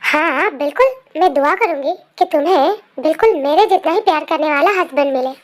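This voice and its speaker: A woman voicing a patient, gentle pregnant wife in a fan story narration, speaking soothingly. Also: high voice, animated, brisk. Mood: gently chiding. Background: faint music.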